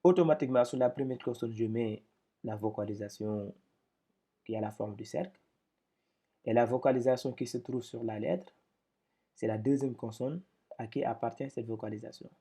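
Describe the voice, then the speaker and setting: A man's voice: medium pitch, fairly even intonation, normal speed, pauses often, warm tone, slightly rough. A man teaching a step-by-step lesson, explaining patiently with repetitions and speaking up when he drills syllables.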